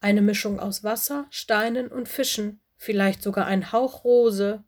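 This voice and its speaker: A woman voicing a playful young fox cub boy in a children's audiobook, teasing and bright. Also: mid-range voice, fairly even intonation, a little slow, lightly acted.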